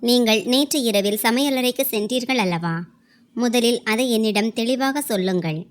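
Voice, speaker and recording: A woman voicing a sharp-tongued, scornful young daughter-in-law who mocks and accuses. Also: on the high side, moderate pace, close to an everyday voice. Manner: mocking, accusing.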